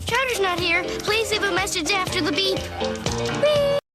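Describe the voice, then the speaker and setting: A very high, lively cartoon boy recites an answering machine greeting. It comes through a landline phone, distant from the mic, and is drawn out slowly over loud music. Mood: cheery. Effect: answering machine greeting played over a landline phone.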